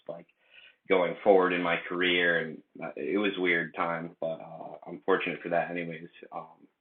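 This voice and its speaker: A man in his late twenties from the United States, rambling through a casual vlog with lots of fillers and restarts. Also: low-pitched. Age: late 20s. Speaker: vlogger. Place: indoor room. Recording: echoey room, tinny phone-like sound.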